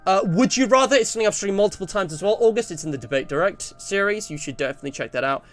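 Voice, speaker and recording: Rapid-fire and high-pitched, a twenty-year-old man from England rambles through a casual livestream chat. He reads survey responses and viewer messages aloud, often interrupting himself to comment.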